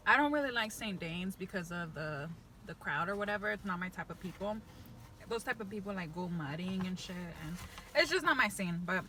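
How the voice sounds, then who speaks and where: A woman's voice: mid-range voice, bright, forceful tone, slight background noise, rough recording. A young woman telling a casual, slangy story as she eats, chewing while talking. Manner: slangy, chatty. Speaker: vlogger.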